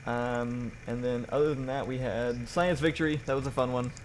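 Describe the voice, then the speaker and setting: A man's voice: medium pitch, steady tone, normal speed, slight background noise. A young man hosting a casual livestream podcast on poor-quality audio, rambling and restarting his sentences. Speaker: podcast host.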